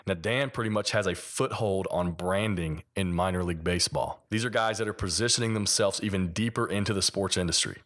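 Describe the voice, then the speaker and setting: A man's voice: low-pitched, fairly quick, few pauses, fairly bright tone. A man with a mild Appalachian accent from Kentucky, hosting a solo podcast and explaining things conversationally with examples. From Kentucky, United States. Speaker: podcast host and sports designer.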